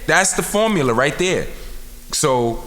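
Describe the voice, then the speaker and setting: A rapper with a deep voice, appearing as a guest in a recording studio, tells stories during a casual interview, laid-back yet animated and repeating "you understand what I'm saying." He speaks a little slowly in a bit bright tone, and the rough recording sounds like a large hall.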